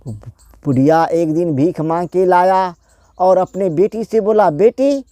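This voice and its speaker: A man narrates a moral folk tale in an unpolished, repetitive manner, restarting phrases as he goes. He speaks slowly with a mellow, dark tone. The recording is close and dry. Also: high voice, fairly even intonation, dry recording. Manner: plain, repetitive retelling with restarts. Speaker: storyteller.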